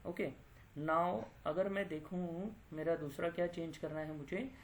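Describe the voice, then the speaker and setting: A data analytics tutor with a fairly high male voice talks through a software tutorial, thinking aloud as he clicks. He pauses often with fillers and corrects himself mid-sentence, and a faint hiss sits under the recording.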